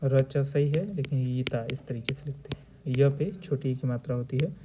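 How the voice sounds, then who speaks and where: A man's voice: medium pitch, normal speed, background noise. A man teaching a Hindi exam lesson. He reads out each multiple-choice question and its options, then patiently explains which spelling or sentence is correct. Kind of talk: previous-year paper discussion lesson.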